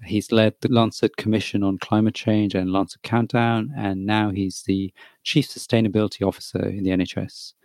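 Measured male podcast host, dry sound. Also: lowish voice, level tone, darkish tone, dry recording. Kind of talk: podcast interview questions.

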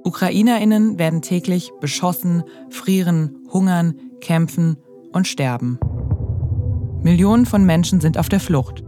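A documentary narrator speaking in an earnest, measured way. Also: medium pitch, mellow, soft background music. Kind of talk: scripted narration.

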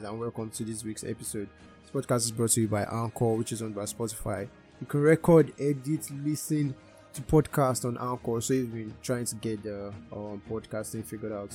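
A man's voice: medium pitch, darkish tone. A young man with a Nigerian Yoruba accent hosting a casual podcast. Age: young adult. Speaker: podcast host.

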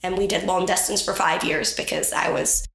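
A Scottish woman in her forties talks earnestly and at length as an interview guest, her voice slightly affected by a cold. Her tone is bright and forward. The office around her adds noticeable room echo. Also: on the low side, fairly even intonation, moderate pace, vocal fry. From west coast of Scotland. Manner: earnest, talkative storyteller. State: has a cold. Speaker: guest, charity founder. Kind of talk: conversational interview. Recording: roomy office recording.

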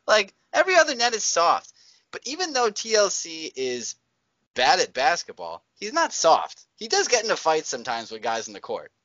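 A man co-hosting a casual podcast chat, animated and acting out shouted movie-style lines. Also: on the high side, no room sound. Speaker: podcast co-host. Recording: slightly dull podcast audio.

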